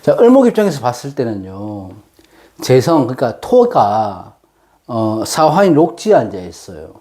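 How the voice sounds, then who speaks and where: Mellow man with slightly slurred, dental-numbed diction. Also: medium pitch, wildly swooping pitch, normal speed. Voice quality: slightly slurred, tangled articulation after dental anesthetic. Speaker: fortune-telling lecturer. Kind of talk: unscripted explanatory lecture.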